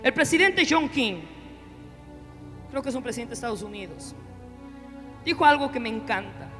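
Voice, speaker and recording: A man's voice: very high voice, expressive, normal speed, pushed and bright, faint music behind. A man preaching a sermon, emphatic and repeating key phrases, leaving sentences open for the congregation to finish. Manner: call-and-response, leaves sentences open for the congregation. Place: church.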